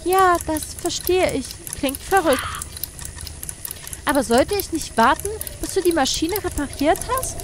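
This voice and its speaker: A woman's voice: very high voice, unhurried, a little hiss or hum. A woman voicing a curious, polite little girl in game dialogue, childlike and inquisitive. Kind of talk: game dialogue read aloud.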